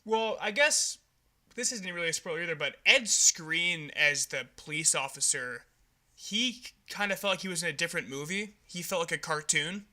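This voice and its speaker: A young man with a very bright, slightly high voice, talking through a movie review in loose, frank podcast chatter. He laughs easily and keeps it casual. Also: lively intonation, normal speed. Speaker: podcast co-host.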